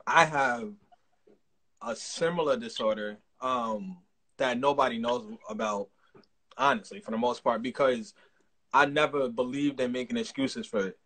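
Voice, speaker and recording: A man's voice: medium pitch, a little slow, pushed and bright, poor audio. A man interviewing a singer on a livestream in an earnest, encouraging way, with lots of fillers.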